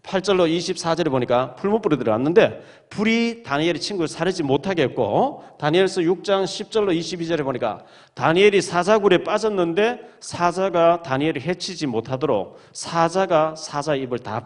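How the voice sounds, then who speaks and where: A man's voice: on the high side, expressive, a little fast, hardly any pauses. A male pastor preaching a sermon in a church, reading scripture aloud and retelling the stories with dramatic emphasis. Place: church sanctuary.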